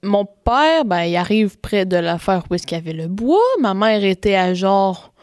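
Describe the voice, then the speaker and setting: A woman's voice: medium pitch, moderate pace, darkish tone, no room sound. Woman, young adult, Québécois French accent, hesitant, casual chat, dry close sound. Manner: hesitant, many restarts, laughs easily. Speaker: co-host.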